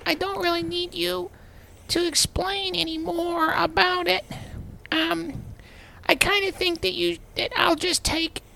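A woman acts out a frail, weary female patient in an improvised comedy skit. Her voice is extremely high and heavily creaky, with a bright, strained edge. She stammers and hesitates reluctantly over faint noise. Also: exaggerated voice, low-quality recording.

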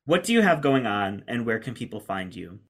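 A man's voice: fairly low pitch, sing-song, brisk. A man hosting a podcast, chatting in a playful, joking way. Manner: playful, jokey. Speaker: podcast host. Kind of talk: casual podcast chat.

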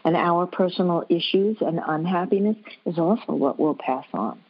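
Woman expert guest, measured and earnest, lowish voice, muffled lo-fi recording. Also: lively intonation, husky. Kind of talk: calm advice in interview. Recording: dull lo-fi sound.

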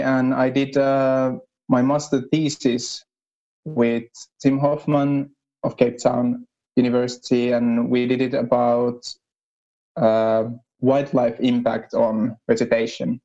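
A young man from northern Finland with a Finnish accent, a guest explaining his research at a measured pace. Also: medium pitch, mellow, lo-fi sound. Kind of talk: casual interview.

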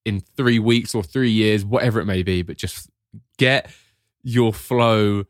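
A man's voice: fairly low pitch, steady tone, a little slow, dry recording, studio quality. A man co-hosting a podcast in casual chat, easygoing and often calling his friend "mate". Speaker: podcast co-host.

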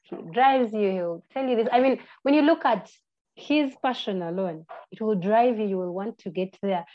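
Ugandan woman with slightly muffled audio. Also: medium pitch. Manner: friendly, halting, with restarts and fillers. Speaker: podcast guest, birding tour guide. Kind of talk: casual interview answers.

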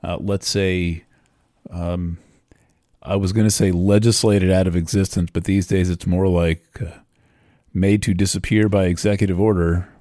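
A man speaking unscripted about astrology, rambling and unhurried, with many fillers and pauses, into a microphone. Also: sits low, flat delivery, dark tone, no room sound, clean studio sound. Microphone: studio microphone.

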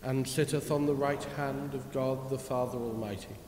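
A man formally reciting a creed at a measured pace in a church service, with cathedral echo around his voice. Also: mid-range voice, steady tone, a little mellow. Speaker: worship leader. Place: large reverberant church, indoors. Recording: cathedral echo, long reverb, hiss.

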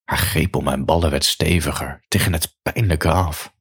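Deep gravelly guy reading a story out loud, dry and matter-of-fact, bit husky. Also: moderate pace. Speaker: narrator. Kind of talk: first-person audiobook narration.

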